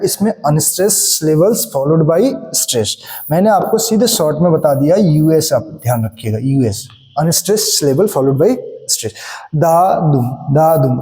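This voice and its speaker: A man's voice: on the high side, mellow. A man teaching an exam-prep lesson in Hindi mixed with English terms, repeating key points and answering his own questions. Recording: echoey room with long reverb.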